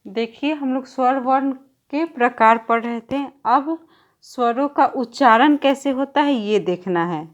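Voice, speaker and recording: A woman's voice: high voice, unhurried, dull audio. A woman teacher giving an exam-prep grammar lesson, explaining step by step and drawing out example sounds while writing on a board.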